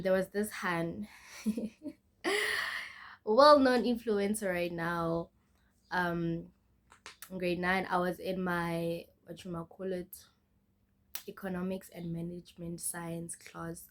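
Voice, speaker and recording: Chatty young woman, lowish voice. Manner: chatty, mixes in local phrases, often addresses the viewers. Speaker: vlogger. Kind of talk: casual storytime.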